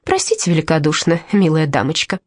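A woman's voice: low-pitched, huge pitch swings, a little fast, a little mellow, no echo, clean studio sound, exaggerated voice. A woman voicing a bossy, nervous orphanage matron who barks and scolds in an audiobook. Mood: fawning. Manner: barking, scolding.

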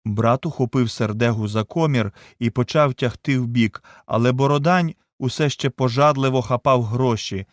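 A man's voice: medium pitch, moderate pace, hardly any pauses, no echo, clean studio sound. A man narrating an audiobook in a dramatic reading voice. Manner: dramatic reading, acts out the shouts. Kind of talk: scripted narration.

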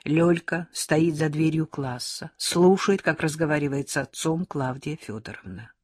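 An expressive reader performing a children's story, animated and acting out the children's voices. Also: medium pitch, unhurried, husky, no echo, clean studio sound. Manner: animated, acts out the children's lines.

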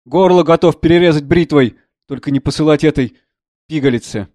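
A man voicing a gruff, sardonic older doctor who holds a general's rank, mocking and blustering, in an audiobook reading of a play. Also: fairly high pitch, brisk, no room sound, close to an everyday voice. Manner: blustering, mocking, shouts out bursts.

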